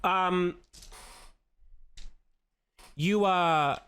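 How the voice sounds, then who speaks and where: Male game master, stuttering delivery, slow tabletop narration, lively higher-pitched voice. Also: smooth. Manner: stutters, repeating syllables.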